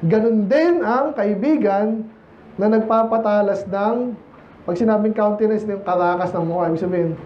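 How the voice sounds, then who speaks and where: High-voiced Filipino preacher in an echoey church. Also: male voice, normal speed. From Philippines. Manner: conversational, teasing, many rhetorical questions to the congregation. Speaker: pastor. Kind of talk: sermon. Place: church sanctuary. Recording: echoey, muffled church recording.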